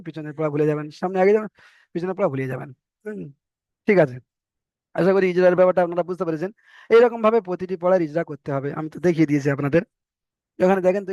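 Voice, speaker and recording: High-pitched fast-talking male teacher on a call. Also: darkish tone, dry recording, highs cut off. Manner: repetitive drilling explanation. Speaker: Quran reading teacher. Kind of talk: online class lesson. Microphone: video call.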